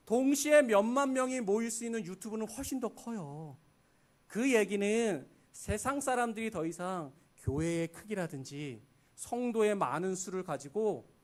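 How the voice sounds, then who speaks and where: A man from Gangwon Province preaching a Sunday sermon in a church, acting out folksy quotes. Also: high voice. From Gangwon Province, Korea. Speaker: pastor. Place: church sanctuary.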